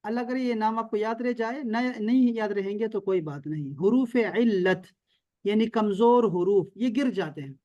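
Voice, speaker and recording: High-pitched male teacher, dry close sound, video call, repeats key terms, keeps checking students follow. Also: dark tone, no room sound, dull audio. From Pakistan. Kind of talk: online Arabic and Quran lesson.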